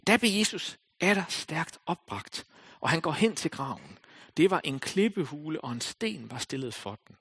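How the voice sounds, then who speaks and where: A male pastor preaching a sermon, reading scripture aloud and then talking it through, rising to loud calls and sinking to soft, near-whispered lines. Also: a little high, sing-song, breathy edge.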